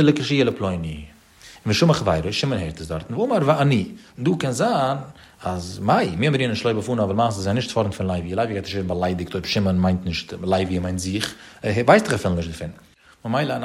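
Man in a singsong study lecture. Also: fairly low pitch. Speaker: religious study teacher.

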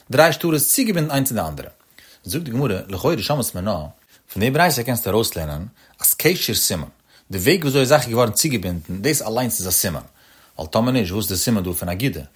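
Male teacher, fast, husky, chanting lecture delivery with big pitch swoops. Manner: sing-song, swooping up and down between phrases. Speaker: religious text teacher.

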